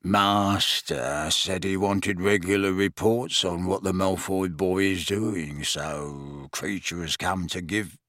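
A man voicing a croaking, resentful old male house elf who speaks slowly and grudgingly. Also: steady tone, fairly bright tone, no echo, clean studio sound. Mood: sullen. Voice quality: croaky, low. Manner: slow, grudging, sullen.

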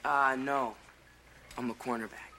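A man with an American accent playing a polite, flattering teenage athlete in a sitcom, courteous and low-key. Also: measured pace. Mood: eager to please. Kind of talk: television sitcom acting. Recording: noisy television sitcom soundtrack.

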